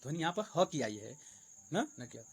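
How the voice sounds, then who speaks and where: High-voiced man teaching grammar. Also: sing-song, slightly rough. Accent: Hindi-accented English. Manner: repeats rules and examples slowly, explaining each. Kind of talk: exam-prep grammar lesson.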